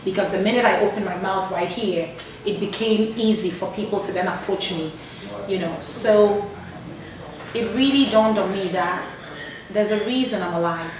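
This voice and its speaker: A woman's voice: mid-range voice, moderate pace, crowd noise. A woman speaking earnestly and emphatically, with touches of humor, as a guest in a live radio interview. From Ghana. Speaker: charity founder and cancer survivor. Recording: echoey room, distant mic, background noise.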